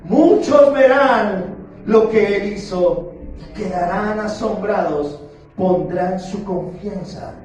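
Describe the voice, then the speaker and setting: A man's voice: sits high, a little mellow. Man, pastor, sermon, playful questions to the congregation, roomy echo, music underneath. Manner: playful, asks the congregation questions, slows down for emphasis. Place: church sanctuary. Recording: very echoey church hall, far from the mic, with music behind.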